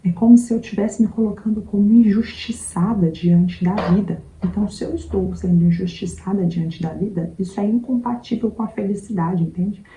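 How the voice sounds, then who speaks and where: A woman's voice: mid-range voice, fairly quick, few pauses, mellow, roomy sound, a little hiss or hum, rough recording. A woman host giving a conversational motivational talk, often checking in with the listener. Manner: conversational, repeats "entende?" to the listener. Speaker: self-help video host.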